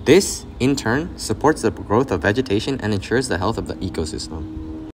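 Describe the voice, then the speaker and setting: A man's voice: lowish voice, sing-song, moderate pace. A man reading scripted nature documentary narration. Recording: clearly noisy background.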